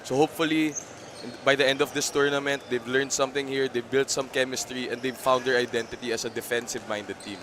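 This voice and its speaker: A man's voice: medium pitch, fairly even intonation, fast talker. A man with a Filipino accent giving color analysis in a basketball broadcast. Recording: noisy basketball court behind.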